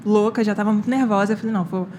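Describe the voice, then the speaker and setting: A young Brazilian woman talks quickly and casually, retelling events with quoted dialogue and plenty of fillers. Her voice sits at a middle pitch, with faint ambient noise in the background. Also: fairly even intonation, warm tone. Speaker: guest, medical student. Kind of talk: casual podcast storytelling.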